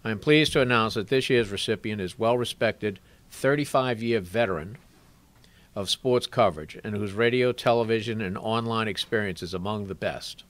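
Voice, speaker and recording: A man's voice: on the low side, normal speed, fairly bright tone, dry recording. A man announcing awards at a press conference, reading formally from notes and stumbling now and then. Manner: reads from a script, stumbles over words.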